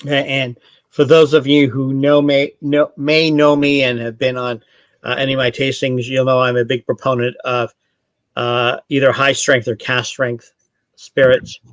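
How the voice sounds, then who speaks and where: A man's voice: medium pitch, little pitch movement, a little slow, no room sound. A man from Canada, a brand ambassador explaining spirits in a casual online tasting chat, rambling and correcting himself as he goes.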